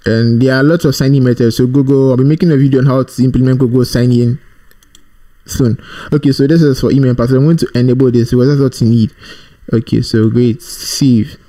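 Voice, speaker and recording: In an informal screencast coding tutorial, a male presenter with a mid-range, warm voice and fairly even intonation thinks aloud while typing. He's halting and repeats himself.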